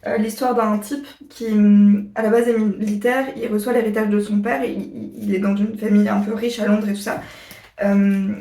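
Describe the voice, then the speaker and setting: A woman's voice: mid-range voice, little pitch movement, mellow, recorded from a distance. Chatty woman in an echoey room. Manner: chatty, rambling, often pausing on fillers. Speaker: vlogger. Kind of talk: casual chat to camera. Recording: echoey room, voice a bit off-mic.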